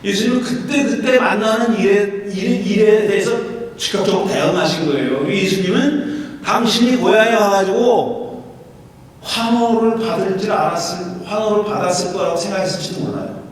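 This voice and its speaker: A male pastor delivering a sermon, emphatic and animated, swinging between loud and soft. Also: high-pitched, moderate pace. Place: church sanctuary. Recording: echoey church hall from far off.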